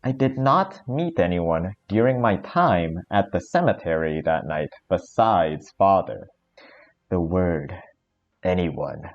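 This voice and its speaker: A man's voice: sits low, animated, slow, dull audio, exaggerated voice. A man voicing an earnest, determined young anime protagonist who reasons aloud dramatically in an amateur visual novel role-play. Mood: determined, puzzling.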